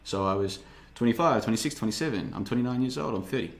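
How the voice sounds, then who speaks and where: A man's voice: mid-range voice, fast talker. A man in his thirties hosting a livestream podcast, rambling and sarcastic, often mocking others in put-on voices. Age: 30s. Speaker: podcast host. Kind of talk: casual livestream monologue.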